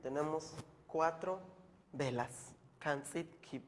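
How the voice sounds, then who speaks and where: A man teaching a language lesson, explaining slowly and patiently and repeating each word so the learner can follow. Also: on the high side, slight background noise.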